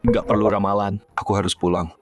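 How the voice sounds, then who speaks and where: A man playing a gentle, earnest and devoted young husband in a dubbed fantasy drama. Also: fairly low pitch, flat delivery, a little fast, dry recording, close to an everyday voice.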